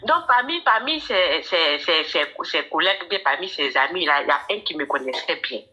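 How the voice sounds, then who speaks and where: A woman caller telling her personal story to a coach, halting and often repeating words. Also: deep voice, lively intonation, bright, forceful tone, slight background noise.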